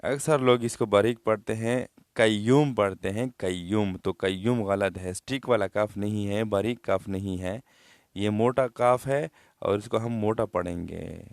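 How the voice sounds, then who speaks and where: A man teaching Quran recitation rules, explaining patiently and then drawing out the words slowly to show how they should sound. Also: lowish voice, gravelly, dry recording, clean studio sound.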